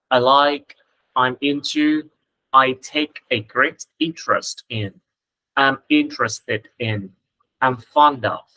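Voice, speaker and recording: A man, a native Vietnamese speaker, teaching an English lesson, reading model phrases slowly and carefully between quick explanations. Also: mid-range voice, sharp tone, low-quality recording. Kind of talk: casual spoken lesson.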